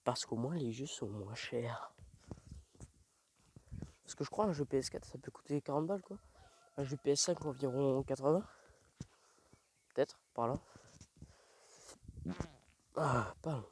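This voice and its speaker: A young man rambling in slangy, self-mocking talk while walking alone outdoors at night in a dark village, recorded on the phone he carries. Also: mid-range voice, measured pace, pauses often, a little hiss or hum. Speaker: vlogger. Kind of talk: rambling casual vlog. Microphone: phone held while walking.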